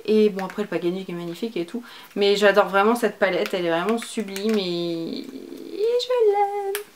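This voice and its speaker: A woman's voice: medium pitch, steady tone, fast, a little hiss or hum. Young woman, beauty vlogger, chatty product-review delivery, mid-range voice. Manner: chatty, lots of fillers and casual slang.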